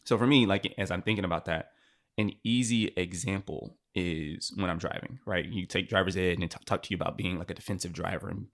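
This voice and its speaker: Deep-voiced man in casual podcast chat. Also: a little fast, fairly bright tone. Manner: loose and conversational, full of "like" and "right?". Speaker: podcast co-host.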